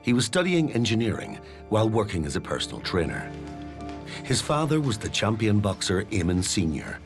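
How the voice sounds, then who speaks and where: A man's voice: on the low side, wildly swooping pitch, normal speed. A man giving sober, informative scripted narration for a true-crime documentary. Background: music.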